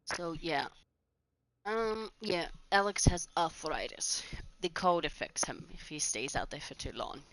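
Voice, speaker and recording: A woman's voice: lowish voice, expressive, a little slow, a bit bright, a little hiss or hum, poor audio. A woman, rambling chattily over gameplay with restarts and giggles. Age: 20s. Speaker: gaming channel host. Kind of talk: casual gameplay commentary.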